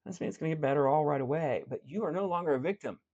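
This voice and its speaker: A man's voice: fairly high pitch, rapid-fire. Earnest male coach, slightly muffled. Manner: earnest, direct, swings between animated and quiet. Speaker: life coach. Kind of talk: motivational talk with storytelling.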